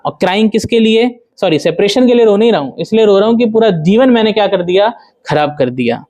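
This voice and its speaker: A man giving a devotional lecture, asking rhetorical questions and chanting verses slowly. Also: high voice, lively intonation, darkish tone. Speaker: spiritual teacher.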